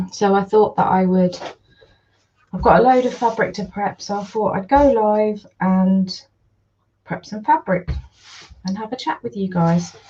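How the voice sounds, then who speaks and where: A woman with a Geordie accent, slightly croaky, chatting in a rambling casual way while she irons during a livestream at home, greeting viewers by name. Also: medium pitch, warm tone, dull audio. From North East England. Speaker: livestream host and online seller.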